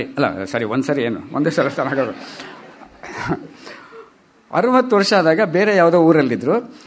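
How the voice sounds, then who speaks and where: Guy telling stories at a literary talk, animated, slightly high voice, keeps asking the crowd stuff. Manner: chatty and animated, asks the audience questions. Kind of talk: storytelling lecture on poetry and humor. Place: public lecture hall.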